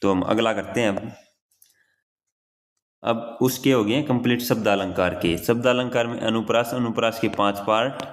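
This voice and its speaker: A man's voice: on the low side, normal speed, slight background noise. A young man teaching an exam-prep grammar lesson in a casual, repetitive way, often repeating key phrases and calling the listener brother.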